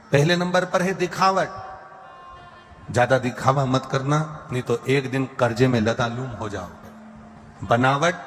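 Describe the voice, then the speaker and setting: Male preacher, Madhya Pradesh accent, fervent and repetitive, slightly high voice, long hall reverb. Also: fairly bright tone. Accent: Madhya Pradesh Hindi. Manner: impassioned, repetitive, slow drawn-out singing of verses. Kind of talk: sermon with sung verses.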